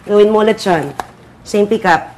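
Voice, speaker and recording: A woman's voice: mid-range voice, moderate pace, a little mellow, slight background noise. A woman directing actors on a set, demonstrating lines and counting down takes. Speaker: acting director.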